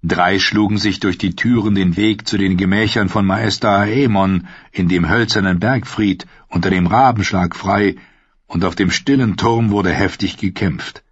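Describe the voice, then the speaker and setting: A man reading a story aloud as an audiobook narrator, in a steady, even storytelling manner with a husky voice. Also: deep voice, a little slow, no room sound, lo-fi sound.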